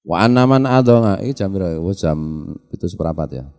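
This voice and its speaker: Speaking quickly in a low, dark, animated voice, a middle-aged man with a Javanese accent teaches as a kyai in a traditional boarding school's prayer hall, where the sound reverberates. His lecture to the pesantren study circle is folksy, blending Javanese into Indonesian and asking the audience rhetorical questions.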